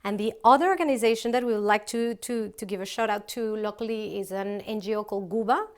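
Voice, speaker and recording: A Colombian company founder in middle age talks fast, at medium pitch, while informally showing a recipe in a big open kitchen. Her chatter is peppered with ums and restarted phrases.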